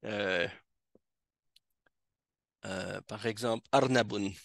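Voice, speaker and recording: A man teaching Arabic grammar to a class, explaining slowly with frequent hesitations. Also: on the low side, creaky, fairly bright tone, dry recording, studio quality. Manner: slow, hesitant explaining with many fillers. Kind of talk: classroom lesson. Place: mosque classroom.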